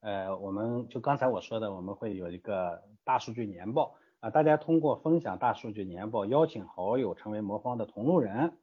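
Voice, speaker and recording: A man's voice: lowish voice, lively intonation, fairly quick, hardly any pauses, husky, muffled recording. A man answering interview questions as a guest from an investment platform, emphatic and full of rhetorical questions.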